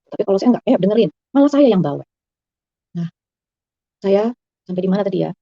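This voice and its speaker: Fast-talking woman telling her story. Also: vocal fry, breathy edge, no room sound. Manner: fast, earnest storytelling that rises high and excited. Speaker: guest giving a personal testimony. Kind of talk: emotional spoken testimony. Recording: slightly dull, dry recording.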